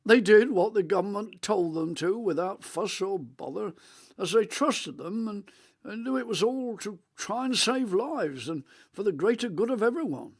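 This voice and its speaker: A man in his 80s plays a rambling elderly grandfather reminiscing on a video call in a radio monologue. His rich, melodious voice sits high and is expressive, with a breathy edge, halting restarts and heavily acted delivery.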